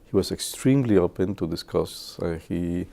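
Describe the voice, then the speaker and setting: A man in his sixties from Guatemala, speaking English, shares memories with students in a halting way, full of filler pauses. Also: low voice, gravelly, mellow. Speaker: physicist. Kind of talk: reminiscing talk to students.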